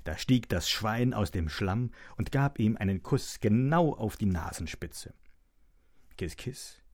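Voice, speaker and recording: Male storyteller, low husky voice, slow, lively intonation, children's story. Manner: slow, soft, warmly expressive reading.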